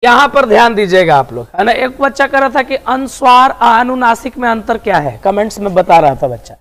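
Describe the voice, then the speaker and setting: A man's voice: extremely high pitch, sing-song, fairly quick, fairly bright tone. A man teaching Hindi grammar in an online video lesson, coaxing his students along and tagging nearly every sentence with a question. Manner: repeats tag questions often; coaxing, addresses students as dear and friends.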